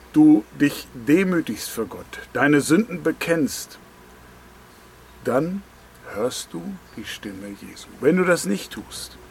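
A man's voice: a little high, creaky, a little hiss or hum. A man preaching a devotional sermon, earnest and direct, asking the listener pointed questions. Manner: pointed, emphatic phrasing. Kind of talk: devotional sermon on a Bible verse.

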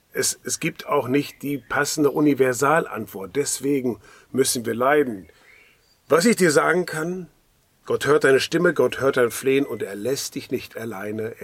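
A man preaches a daily devotional in a husky, slightly breathy voice. He speaks earnestly and pastorally, often sinking into a hushed whisper for emphasis. The sound is dry and close to the mic. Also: mid-range voice, dry recording.

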